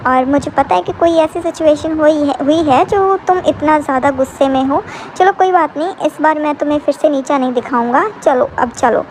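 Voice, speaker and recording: Cocky mocking villain, self-assured, high voice, as a woman reads his lines, faint background noise. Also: a little fast, darkish tone, natural voice, poor audio. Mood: teasing. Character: cocky smug male villain, teasing.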